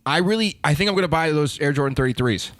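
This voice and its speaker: A man co-hosting a podcast in loose, joking banter full of slang. His pitch swings widely as he talks. The sound is dry and close, with no room in it. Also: lively intonation, quick pace, no room sound. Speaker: podcast co-host. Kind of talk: casual chat. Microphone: studio microphone.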